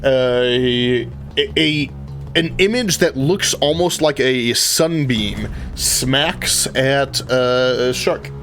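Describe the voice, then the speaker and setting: A man running a tabletop game as game master, narrating casually in a halting, deliberate way. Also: mid-range voice, fairly bright tone. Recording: music playing behind the voice.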